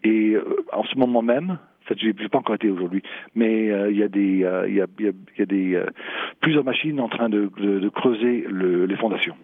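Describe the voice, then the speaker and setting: A low-voiced man in gives unscripted interview answers. His voice is husky and he speaks haltingly, often repeating words as he searches for the next one. The sound is thin and phone-like. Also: no room sound. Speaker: property developer, executive interviewee.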